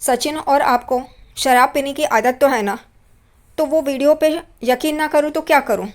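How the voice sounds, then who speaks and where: A woman voicing a worried young wife who is defensive and quick to accuse, in a spoken recap of a TV serial. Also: high-pitched, natural voice.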